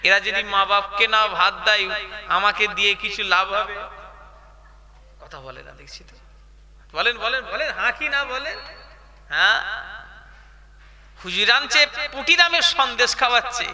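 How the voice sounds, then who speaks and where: High, bright-voiced preacher. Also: male voice, normal speed, long reverb tail. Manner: chatty, calls out questions to the crowd. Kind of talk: Bengali waz sermon.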